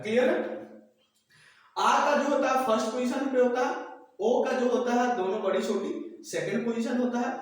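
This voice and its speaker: A male teacher works through a whiteboard lesson in a patient, repetitive way, always checking that his students follow. His voice sits high for a man. It is picked up from away from the mic in a very echoey room. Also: distant mic. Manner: keeps asking "clear?" after each point; patient, repeats words slowly. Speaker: shorthand teacher.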